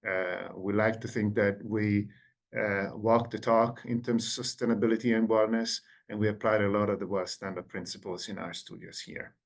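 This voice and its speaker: Italian-accented man, low voice, online lecture. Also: fairly even intonation, normal speed. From Italy. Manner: engaging, quizzes the audience. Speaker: guest lecturer. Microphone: video call.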